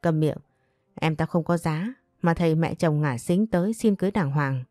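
A woman's voice: deep voice, normal speed, warm tone, no echo, natural voice. A woman reading a brash, mocking older brother. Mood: scornful. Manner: taunting, scolding.

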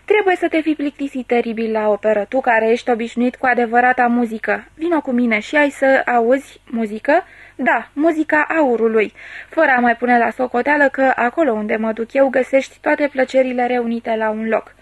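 A woman's voice: on the high side, no room sound, natural voice. A woman voicing a carefree, worldly male gambler friend in an audiobook, breezy and teasing.

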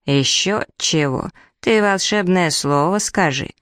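A woman voicing a grumpy, preachy magic hut on chicken legs with a creaky, unpleasant voice. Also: lowish voice, slow pace, fairly bright tone, no echo, studio quality. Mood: grumbling. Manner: nagging and preachy.

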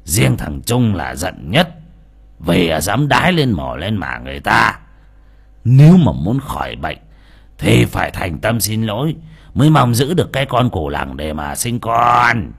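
A narrator voicing a solemn older village shaman, slow and authoritative. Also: fairly low pitch, big pitch swings, vocal fry, slightly rough, full character voice. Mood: grave.

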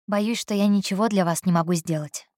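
A composed young woman who never raises her voice, speaking softly and evenly with quiet irony. A woman reads her in an audiobook, recorded close and dry. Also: mid-range voice, no echo, natural voice. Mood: calm. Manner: even, soft and unhurried.

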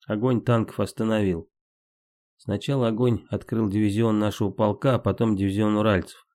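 A man's voice: fairly low pitch, fairly even intonation, a little fast, warm tone. A man reading a first-person war memoir aloud in terse, matter-of-fact, clipped sentences.

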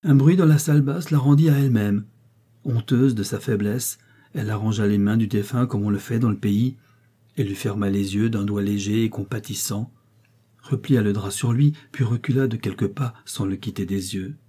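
Male narrator, audiobook of a novel, very dark voice, husky tone, steady expressive reading. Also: on the low side, moderate pace.

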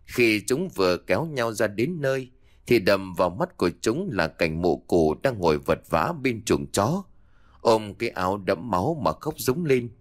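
Low-voiced man narrating a dark tale. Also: sing-song, normal speed, no room sound, clean studio sound. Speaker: audiobook narrator. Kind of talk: dramatic story narration.

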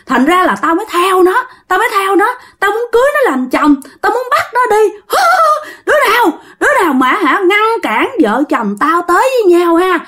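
A woman's voice: very high-pitched, big pitch swings, normal speed, hardly any pauses, fairly bright tone, voice pushed up, exaggerated voice. A woman voicing a vengeful female ghost nearly a hundred years old who has turned into a demon, snarling threats. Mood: possessive, menacing.

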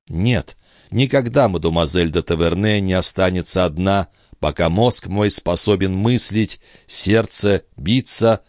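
A man reading an audiobook, voicing a meek, devoted young man who speaks humbly and quietly. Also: low-pitched, no room sound, clean studio sound.

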